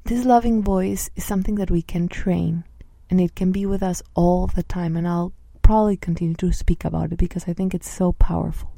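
A woman in her thirties, a coach, speaking softly and earnestly about her own experience, at times voicing inner thoughts. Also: on the low side, fairly even intonation, brisk, creaky, no room sound. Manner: soft-spoken, earnest, acts out inner voices. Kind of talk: reflective personal talk.

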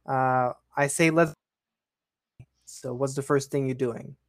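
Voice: mid-range voice, steady tone, takes it slowly, dry recording, clean studio sound. A podcast host in a casual interview, curious and leading with questions.

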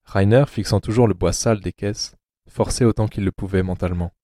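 A male narrator reads an audiobook drama in a measured, sombre manner, his voice very low, dark, mellow and steady. The recording is close and dry, with no echo or room sound.

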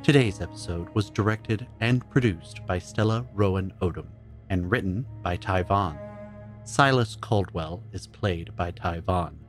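A man reading scripted end credits as a podcast announcer. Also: low-pitched.

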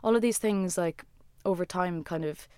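A woman's voice: lowish voice, moderate pace, mellow, clean tone, no room sound, studio quality. A woman, a musician and former designer, talking as a guest in a casual interview, rambling and full of "like" fillers. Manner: rambling, heavy use of "like" fillers.

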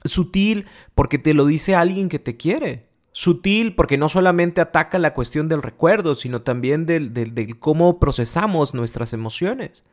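A man's voice: on the high side, lively intonation, normal speed. A man giving an informal, explanatory talk on relationships, speaking conversationally with frequent restarts. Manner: conversational, explains patiently with many restarts and everyday examples.

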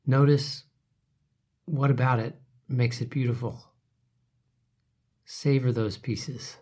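A man leading a guided relaxation meditation, speaking softly and calmly, his phrases trailing off into whispers. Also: medium pitch, takes it slowly. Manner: soft, calm, trailing off to whispers.

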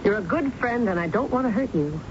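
An actress with an American accent plays a hard-bitten, ambitious working mother and deserted wife in an old-time radio drama, sounding hard and determined. Her fairly high, natural voice is lively in intonation and a little fast. The broadcast is dull and very noisy.

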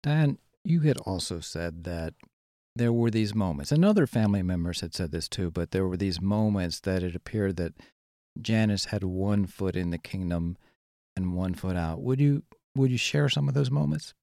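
Deep gravelly male interviewer. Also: expressive, normal speed, warm tone, no room sound, clean studio sound. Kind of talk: interview questions.

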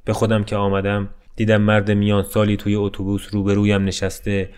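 A man narrating a scripted story in a calm, melancholy, deadpan way. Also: fairly low pitch, clean tone. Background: faint music.

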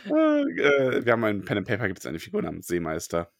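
A man's voice: lowish voice, huge pitch swings, fairly quick, creaky, no echo, clean studio sound. A man in casual podcast chat, hesitant, with many fillers and restarts. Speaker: podcast co-host discussing a book.

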